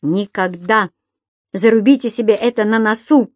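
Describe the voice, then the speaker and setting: A woman voicing a stern middle-aged landlady who scolds with shrill outbursts. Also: expressive, measured pace, no room sound, studio quality. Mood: furious.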